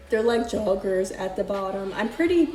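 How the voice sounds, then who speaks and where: A woman's voice: mid-range voice, expressive, takes it slowly. Chatty young woman in an echoey room. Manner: chatty, rambling, many fillers and restarts. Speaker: vlogger. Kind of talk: casual haul chat. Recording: echoey room with faint music. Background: faint music.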